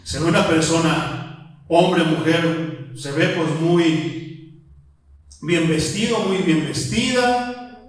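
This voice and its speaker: A man's voice: fairly high pitch, slow pace, pauses often. A man with a Mexican accent preaching a sermon as pastor, talking conversationally with many rhetorical questions and frequent appeals to "my brother". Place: church prayer hall. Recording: very echoey hall, voice from far off.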